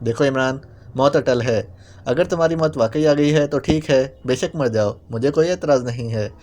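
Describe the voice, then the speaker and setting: A man's voice: mid-range voice, a little mellow, close to an everyday voice. A man voicing a stern, cold male spy chief who speaks harshly and curtly. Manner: harsh, curt.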